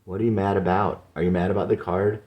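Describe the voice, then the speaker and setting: A man's voice: low voice, little pitch movement, quick pace, a little mellow, pitched above the performer's own voice, natural voice. A man reading a pleading, lovesick young man. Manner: pleading, anxious questions.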